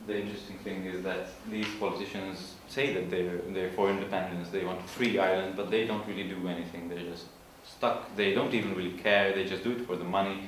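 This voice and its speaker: A man giving an informal literature presentation, explaining in a halting way and searching for his words. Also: deep voice, steady tone. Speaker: student presenter. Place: large room at an evening school event. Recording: echoey hall from far off, faint noise.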